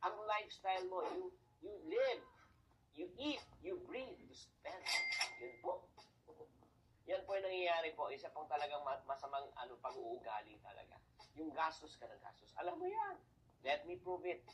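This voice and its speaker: This is a motivational talk in a sing-song, mid-range voice at normal speed, captured on a muffled recording. The Filipino-accented speaker switches between Tagalog and English, answers rhetorical questions they pose, and checks in with the listener as though chatting.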